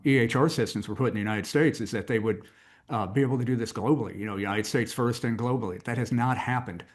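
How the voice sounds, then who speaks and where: A man on a live panel giving a confident answer full of facts. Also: mid-range voice.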